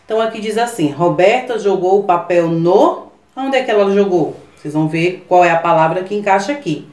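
A middle-aged primary school teacher gives a remote lesson to young children from a small, decorated classroom, speaking slowly, patiently, and in a sing-song manner. Her lowish, darkish voice has lively intonation. A camera microphone a few meters away picks her up distantly in an echoey room.

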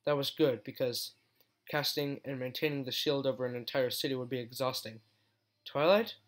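A man reading a fan story aloud as steady first-person narration, with occasional slips. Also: medium pitch, fairly quick. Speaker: fan fiction reader.

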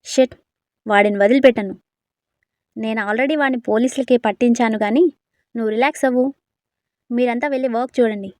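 A woman's voice: a little high, a little fast, long pauses, a little mellow, no echo, studio quality, close to an everyday voice. A woman voicing a short-tempered young businessman who gives curt orders. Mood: stern. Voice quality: curt, commanding.

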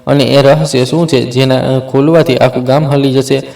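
Male narrator voicing a fierce young policewoman in grief, urgent pleading questions, flat read. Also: medium pitch, moderate pace, vocal fry, close to an everyday voice, low-quality recording. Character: grieving young woman police officer, fierce.

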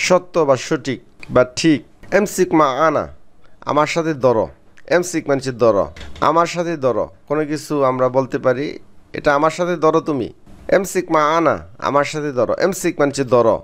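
A man gives a patient phrasebook lesson in a smooth, resonant voice at an ordinary pitch. He says each foreign phrase louder and higher, repeats it, and then explains it word by word. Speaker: language teacher.

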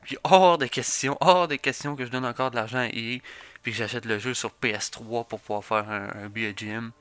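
A man's voice: medium pitch, fairly even intonation, a little fast, fairly bright tone, clean tone. A young man with a Quebec French accent giving casual, laid-back game commentary in a chatty, dry way. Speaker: gaming YouTuber.

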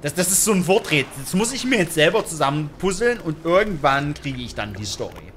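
A young man chatting casually through a game as a YouTuber, slangy, joking and reacting loudly. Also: on the high side, big pitch swings, a little fast, a little hiss or hum. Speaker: gaming YouTuber. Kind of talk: casual let's-play commentary.

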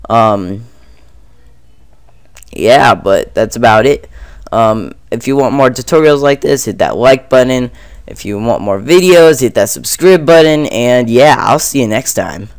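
A man's voice: mid-range voice, expressive, measured pace, no echo, clean studio sound. A young man with a cold gives a casual, rambling tutorial on installing a game mod, with lots of fillers. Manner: rambling, filler-heavy, offhand. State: congested with a cold. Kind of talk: casual screen-recorded tutorial. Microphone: computer mic on a screen recording.

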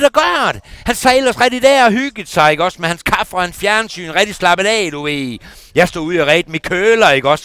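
A man's voice: sits high, sharp tone, smooth, no room sound. A man playing a gossipy, indignant middle-aged housewife in a comic monologue, rambling on and asking for agreement every few words. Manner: rambling, keeps adding "ikke også" for agreement.

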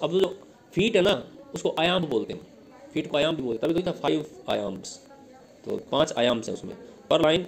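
A man with an Indian accent giving an exam-prep lesson, asking questions and answering them himself, reading English lines slowly. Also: a little high, creaky, low-quality recording. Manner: explains in Hindi, reads English lines slowly. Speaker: teacher.

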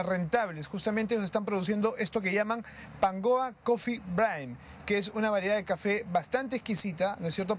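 Young male field reporter, quick and high, live outdoors on handheld mic. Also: slight background noise. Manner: brisk, leading questions with tag questions. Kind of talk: live news report and interview. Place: outdoor plaza stand, in the city.

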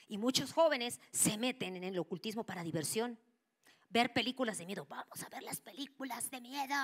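Bright-voiced woman preaching. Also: mid-range voice. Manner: animated storytelling, drops into whispers for quoted voices. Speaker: church speaker. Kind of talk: sermon with personal testimony.

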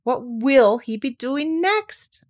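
A woman's voice: sits high, lively intonation, slow pace, voice pushed up. A woman voicing a motherly storybook kangaroo who is firm, soothing and unruffled, with a nannyish way of coaxing. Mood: cheerful, soothing.

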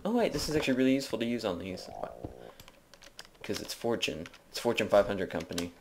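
A man's voice: fairly low pitch, lively intonation, quick pace, slight background noise. A man giving casual, jokey commentary while playing a video game, rambling as he narrates what he does. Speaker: video game let's player. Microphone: desk microphone.

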